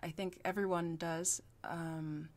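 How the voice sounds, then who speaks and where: A young woman with a slightly low voice talks straight to her viewers in an unscripted vlog. She rambles, stops and restarts with fillers, and laughs at herself as she goes. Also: little pitch movement, slow pace. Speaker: YouTuber.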